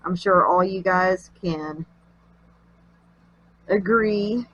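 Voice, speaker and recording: A woman's voice: fairly low pitch, drawn-out words, a bit bright, slightly rough, dull audio. A woman with a nasal, allergy-congested voice hosting a craft tutorial, chatting in a homey way as she works. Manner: chatty, homey, talks while working. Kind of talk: casual craft tutorial narration.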